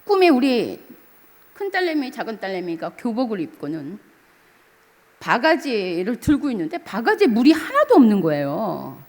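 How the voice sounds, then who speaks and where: A woman's voice: medium pitch, a little mellow, big-room sound. A middle-aged woman pastor preaching a sermon, telling a story and asking the congregation for amens. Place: church sanctuary.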